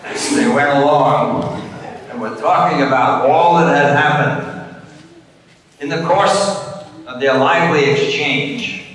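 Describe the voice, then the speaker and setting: Brief: deacon, unhurried comic storyteller, distant in a big reverberant church with audible room noise. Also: male voice, a little high, fairly bright tone. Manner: deliberately slow, mock-confused storytelling. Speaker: deacon giving a homily. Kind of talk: comic retelling of a gospel for children. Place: church during Mass.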